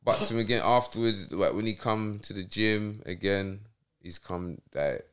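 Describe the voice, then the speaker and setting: A man's voice: fairly low pitch, moderate pace, fairly bright tone. A man with a South London accent in a casual interview, telling anecdotes in street slang. He keeps tagging his points to check he is understood. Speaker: interview guest, boxer.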